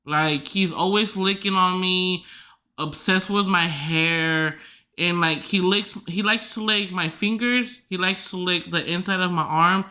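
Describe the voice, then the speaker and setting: A woman's voice: on the low side, unhurried, bright, forceful tone. A young woman hosting a podcast in casual chat, rambling with lots of fillers and small laughs. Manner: rambling, filler-heavy, giggly asides. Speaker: podcast host.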